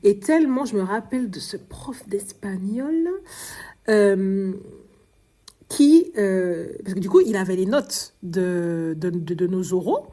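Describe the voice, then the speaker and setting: An exhausted woman from Martinique with a Martinican French accent, hosting a podcast and telling her own story in quick, stumbling speech, dropping her R sounds. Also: mid-range voice, lively intonation, dark tone. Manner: frequent restarts and fillers, confiding tone. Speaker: podcast host.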